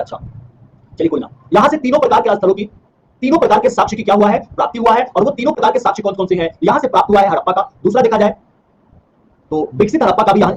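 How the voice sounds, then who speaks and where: A man's voice: high voice, slight background noise, poor audio. A man teaching a history class online. He asks questions and answers them himself, repeating key terms for revision. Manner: quizzes by asking and answering his own questions.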